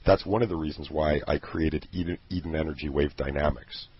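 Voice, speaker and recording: Very deep husky man, earnest. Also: fairly even intonation, brisk, no echo. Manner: earnest, passionate, rambling with restarts. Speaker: product creator promoting his program. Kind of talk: casual promotional chat. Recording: dull lo-fi recording.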